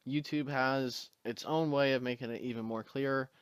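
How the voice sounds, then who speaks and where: A man with hiccups talks a viewer through a gaming tutorial, one step at a time, with an easy, unhurried manner and casual fillers. His voice is smooth and clear, and the recording is dry and close. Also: mid-range voice, no room sound. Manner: relaxed step-by-step instructions with fillers. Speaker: tutorial host.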